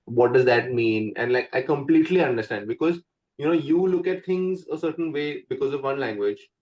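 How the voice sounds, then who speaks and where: Animated and a little fast, a young Indian man with a mid-range voice talks casually as an English coach being interviewed. Hindi is his native language and he has an Indian accent; his chatty talk is packed with "like" and "right?" fillers. The audio sounds dull.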